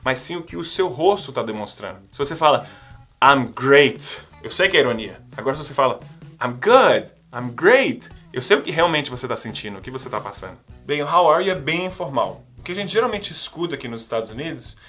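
Lively bright-voiced male English teacher. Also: mid-range voice, fast, few pauses, faint music behind. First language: Portuguese. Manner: lively, playful, models English phrases. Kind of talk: casual video lesson.

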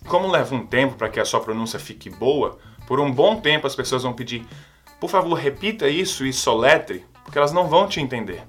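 A man's voice: medium pitch, fairly bright tone. A Brazilian man teaching English pronunciation, patiently repeating each sound for the listener to copy. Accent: Brazilian Portuguese. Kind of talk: language lesson.

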